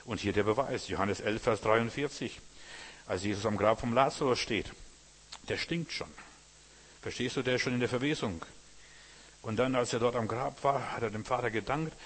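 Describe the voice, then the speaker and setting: A man's voice: mid-range voice, normal speed, pauses often, fairly bright tone, husky. A man preaching a sermon in earnest German-language style, addressing his listeners directly as brothers and sisters.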